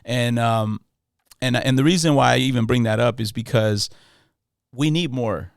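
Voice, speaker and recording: A man's voice: mid-range voice, normal speed, gravelly, smooth, dry recording, studio quality. A man hosting a podcast, talking casually in slang and often restarting his phrases. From Los Angeles. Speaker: podcast host. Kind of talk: casual interview chat.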